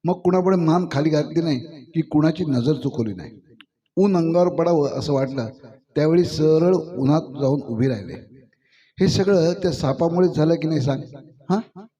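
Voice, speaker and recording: A male reader voicing a bold, self-assured young village woman who speaks with confident, teasing ease, in a slightly high, mellow voice. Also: moderate pace, highs cut off, close to an everyday voice. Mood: confiding.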